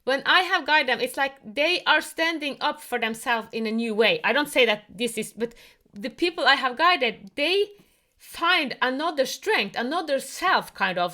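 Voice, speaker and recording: A woman hosting a casual online conversation who speaks earnest, halting English full of spiritual talk. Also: high voice, lively intonation, bright, forceful tone. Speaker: host. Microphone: online call.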